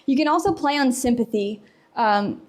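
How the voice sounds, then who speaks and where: A woman's voice: on the high side, lively intonation, normal speed, a little mellow. A young woman from the US Midwest and South giving a casual conference talk, chatty and full of fillers, acting out bits of dialogue. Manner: chatty, filler-heavy, acts out quoted dialogue. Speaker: conference presenter. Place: conference room.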